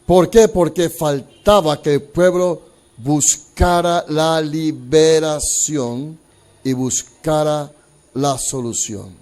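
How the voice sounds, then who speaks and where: A man's voice: fairly high pitch, slow pace, darkish tone. A male pastor preaching a sermon, emphatic and dramatic, acting out the people in the story and often repeating words as he goes.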